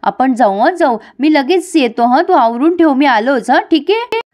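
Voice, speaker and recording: A woman's voice: high voice, lively intonation, normal speed, a little mellow, pitched above the performer's own voice. Scheming man faking concern, read by a woman. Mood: feigned shock. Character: scheming middle-aged man feigning concern.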